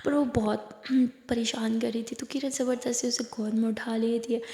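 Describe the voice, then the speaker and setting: A woman telling a story in a plain, even, casual way as the channel's storyteller. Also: on the high side, moderate pace. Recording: echoey room with long reverb.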